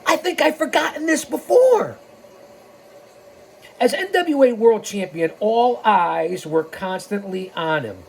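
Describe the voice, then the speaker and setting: An American man in his sixties hosts a podcast, reading aloud and then breaking into rambling, emphatic remarks with sidetracks and direct appeals. His voice sits high and a little mellow. The audio is poor, with a little hiss or hum.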